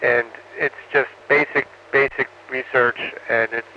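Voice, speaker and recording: Aboard the space station, an astronaut answers students over a radio downlink that is muffled and breaking up, with faint static. His mid-range voice keeps a fairly even intonation as he speaks haltingly, using frequent fillers. He closes each answer with "over".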